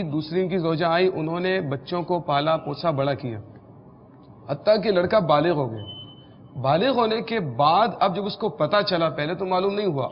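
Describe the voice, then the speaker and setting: A man's voice: fairly high pitch, in a large hall, muffled recording, a little hiss or hum. A man co-hosting a talk show, recounting a case in a rambling, restarting way. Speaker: co-host.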